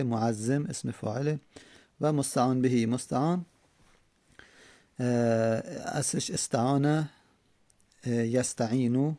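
Gravelly man teaching grammar slowly. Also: mid-range voice, mellow, dry recording. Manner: slow, repeats word forms aloud. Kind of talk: classroom lesson with text reading.

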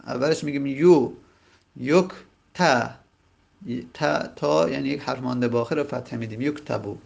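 A man's voice: medium pitch, creaky. A man teaching a grammar lesson with a Persian accent, explaining step by step and repeating each point in other words. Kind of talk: grammar lecture.

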